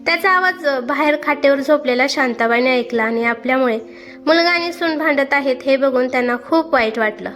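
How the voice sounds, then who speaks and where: A woman's voice: high-pitched, fairly quick, a bit bright. A woman telling a family story as scripted narration, reading steadily. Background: faint background music.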